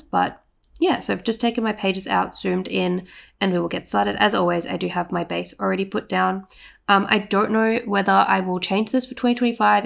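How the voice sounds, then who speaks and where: A young adult woman with a fairly low voice and vocal fry narrates her planner vlog in a casual, chatty, rambling voiceover. She sounds congested and sniffly.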